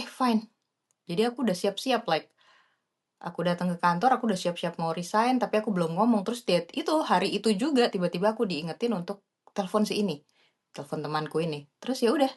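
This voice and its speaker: A young adult woman co-hosting a podcast, sharing a personal story in a casual, animated way and switching between two languages as she talks. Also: fairly low pitch. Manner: mixes Indonesian and English, animated when quoting herself. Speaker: podcast co-host.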